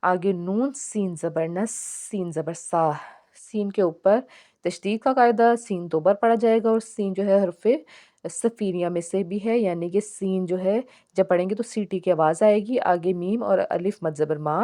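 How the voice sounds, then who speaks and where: Woman teaching Quran recitation slowly. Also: medium pitch, dark tone. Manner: slow, deliberate syllable-by-syllable spelling with drawn-out recitation. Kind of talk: tajweed lesson, spelling out and explaining recitation.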